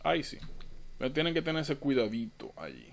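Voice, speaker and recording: A man's voice: medium pitch, very animated, brisk, gravelly. A man tutoring medical students in an online lecture, informal and thinking aloud, often correcting himself.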